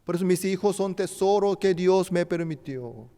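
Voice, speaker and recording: A man preaching a sermon as pastor, a non-native speaker of Spanish with a native Korean background, swinging between loud emphatic rises and hushed soft drops. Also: high voice, moderate pace. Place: church sanctuary. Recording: church hall with long reverb.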